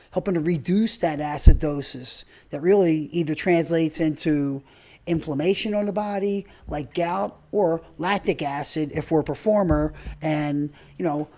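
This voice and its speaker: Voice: medium pitch, mellow. A breathwork and movement trainer giving informal, rambling spoken instruction while demonstrating.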